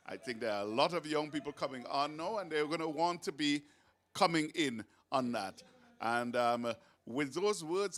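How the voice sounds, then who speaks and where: A man's voice: mid-range voice, fairly bright tone. A man giving unscripted, conversational commentary as a broadcast host.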